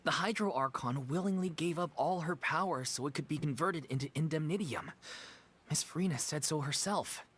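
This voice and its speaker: An actress voicing an earnest, caring young troupe member in a game. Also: female voice, sits low, moderate pace, husky. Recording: game audio with faint music.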